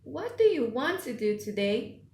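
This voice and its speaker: A woman's voice: sits high, sing-song, a little slow, darkish tone, echoey room, heavily acted. Woman doing a kindly curious little pig. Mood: caring. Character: friendly young male pig, curious and kind.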